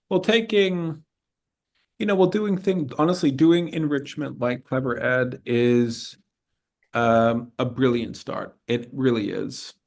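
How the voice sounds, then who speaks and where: In an informal advisory Q&A, a male admissions consultant with a mid-range voice fields student questions. He's frank and encouraging, and he tends to repeat himself.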